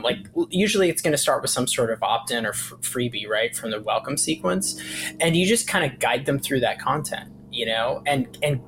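A man's voice: mid-range voice, background noise. A man giving casual, explanatory advice as an interview guest, talking conversationally and acting out little example lines. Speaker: guest email marketing expert.

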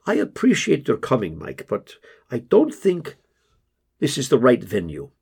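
A man voicing a calm, soft-spoken male group therapist who speaks in a measured, gently probing way. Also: mid-range voice, creaky, breathy edge, full character voice.

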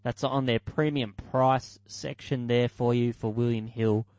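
A man's voice: mid-range voice, steady tone, a little slow, a little mellow, no room sound. An Australian man co-hosting a casual sports podcast, losing his voice and rambling with fillers as he talks betting lines and wraps up the show. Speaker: podcast co-host.

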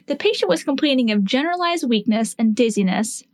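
A woman's voice: fairly high pitch, lively intonation, fairly quick, dry recording. A woman in her forties, a nurse hosting a podcast, telling a patient story and teaching in an earnest, explanatory way with rhetorical questions.

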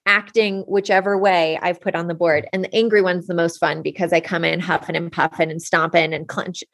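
A young adult woman teacher, a podcast guest, telling classroom stories in an animated way and laughing often. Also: on the low side, a little fast. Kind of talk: conversational interview.

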